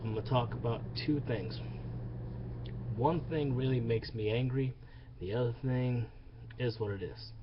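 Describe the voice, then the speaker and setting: A man's voice: mid-range voice, a little slow, pauses often, background noise. Man, cursing political rant vlog, heated and repetitive, muffled lo-fi sound. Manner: profane, heated, repeats himself. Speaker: vlogger.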